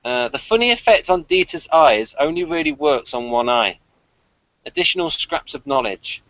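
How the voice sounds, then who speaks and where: Reviewing a television series on his podcast, this man has a fairly bright, mid-range, sing-song voice at normal speed. He keeps the chat casual while reading from notes, and the recording is echo-free but dull and a bit lo-fi.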